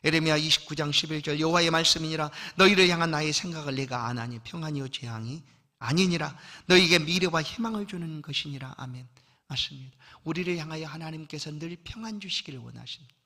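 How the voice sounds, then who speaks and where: Male pastor, bright gravelly voice, sermon with big swings between shouts and near-whispers. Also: on the high side, quick pace. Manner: swings from loud exhortation to hushed near-whisper.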